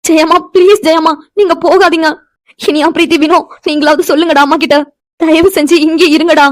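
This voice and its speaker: A woman's voice: very high voice, steady tone, a little fast, no echo, studio quality. A woman voicing an earnest young woman in a cartoon who begs and pleads. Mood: pleading. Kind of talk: cartoon voice acting.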